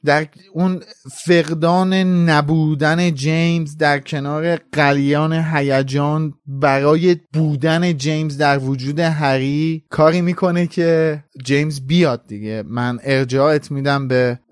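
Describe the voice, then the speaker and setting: A man co-hosting a podcast, giving a quick and thoughtful analysis in casual discussion. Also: a little high, fairly even intonation, clear, resonant tone, dry recording, studio quality. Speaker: podcast co-host.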